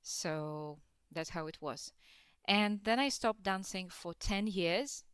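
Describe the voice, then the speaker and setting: A woman's voice: fairly low pitch, takes it slowly, fairly bright tone, smooth, no echo. A young adult woman from Russia, a dance teacher and podcast guest, talking in a hesitant way with many fillers and frequent laughs. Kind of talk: casual podcast interview.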